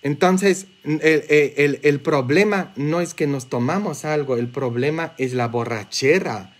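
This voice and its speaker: A man with a Mexican Spanish accent, preaching a sermon as a priest in a joking, conversational way with quick asides. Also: fairly high pitch.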